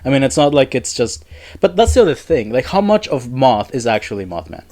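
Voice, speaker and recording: A man co-hosting a podcast in casual chat, animated and quick to laugh, often trailing off mid-sentence. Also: mid-range voice. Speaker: podcast co-host.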